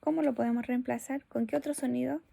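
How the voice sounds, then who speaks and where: A woman teacher talks through a video lesson for young pupils. Her voice sits a touch high with a rough, creaky grain. She stays friendly and keeps checking that the children are following. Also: steady tone, quick pace, warm tone. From Chile.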